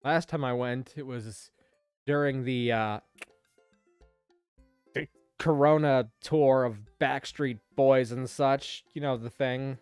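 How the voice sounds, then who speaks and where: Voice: mid-range voice, steady tone, slow, darkish tone, clear, resonant tone, no echo, faint music behind. A streamer playing a dating game, reading the dad's lines and making chatty, rambling asides. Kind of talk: let's play commentary and reading.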